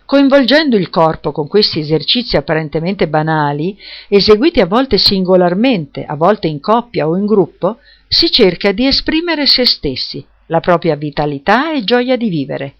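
A woman's voice: medium pitch, sing-song, moderate pace, few pauses, highs cut off. A woman reading as an enthusiastic dance teacher. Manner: explanatory, persuasive.

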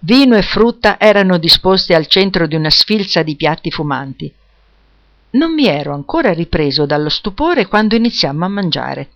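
Measured first-person story narrator. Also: medium pitch, fairly bright tone. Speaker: audiobook narrator.

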